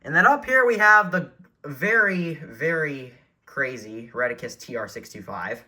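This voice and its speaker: He has a slightly high voice, animated and unhurried, with a sharp edge. An eager weather radio collector, he gives a casual show-and-tell of his collection from a room in his home, holding the camera and staying out of frame. Faint noise and button clicking can be heard.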